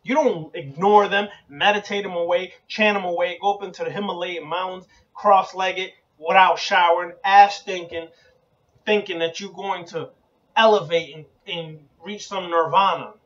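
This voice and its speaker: A man's voice: high-pitched, steady tone, moderate pace, a bit bright. A man hosting an occult channel, delivering a blunt, emphatic preaching monologue that repeats slogans and is occasionally profane. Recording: dull lo-fi recording.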